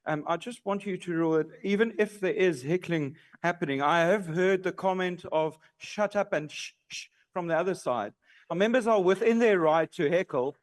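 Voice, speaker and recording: High-pitched man heckled in parliament. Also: moderate pace. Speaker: member of parliament raising a point of order. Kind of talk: formal parliamentary point of order. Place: parliament chamber.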